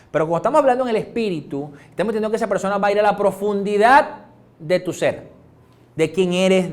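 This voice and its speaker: Male Venezuelan pastor, higher-pitched, chatty sermon full of jokes and acted-out exchanges. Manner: animated, joking, acts out little dialogues. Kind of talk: conversational sermon.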